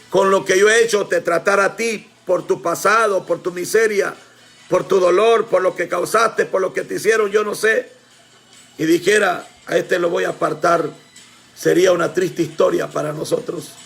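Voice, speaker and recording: Man, preacher, sermon, high voice, gravelly, fervent, shouts often, faint music behind. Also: steady tone, moderate pace. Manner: fervent, often shouting, addressing the congregation as brothers.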